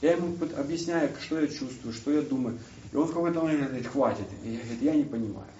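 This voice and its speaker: Young guy talking to a group, mellow low-key voice, kinda far off in a roomy hall, stops and restarts a lot. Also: slight background noise. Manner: halting, searching for words, many restarts. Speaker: recovery speaker sharing his story. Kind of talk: personal testimony to a group. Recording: distant roomy hall mic, dull.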